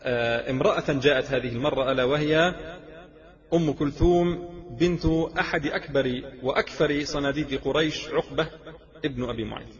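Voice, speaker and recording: A man's voice: medium pitch, a little fast, long pauses. A man preaching an impassioned sermon that builds to fervent declamation. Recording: dull lo-fi sound with long reverb.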